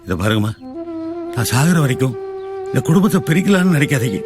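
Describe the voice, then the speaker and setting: A man's voice: medium pitch, big pitch swings, fast talker, over music, close to an everyday voice. An actor playing an aging village patriarch in a film drama, earnest and pleading as he speaks for his family. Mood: grave. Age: older. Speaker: family elder.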